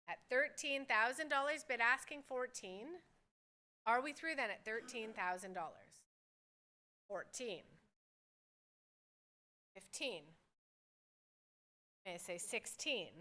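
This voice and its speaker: A woman's voice: on the high side, expressive, a little slow, long pauses, sharp tone. A woman working as a fine art auctioneer, calling bids at a live sale in a formal, courteous way and repeating the figures.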